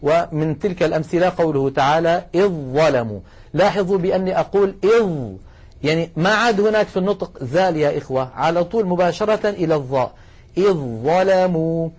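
A man teaching the rules of Quran recitation in a recorded lesson. He explains patiently, speaks to his listeners as brothers and slows right down to recite each example. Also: high-pitched, breathy edge.

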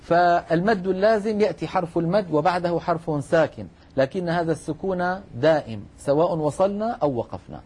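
A man teaching Quran recitation rules in a measured, patient way, repeating key points. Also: fairly high pitch, lively intonation, a little mellow, slightly rough. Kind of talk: explanatory lesson.

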